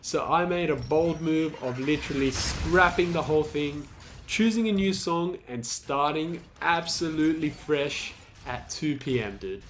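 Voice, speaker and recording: A young man giving a casual vlog update, congested from the flu, animated and slangy, swearing often. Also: a little high, a little slow. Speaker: gaming YouTuber.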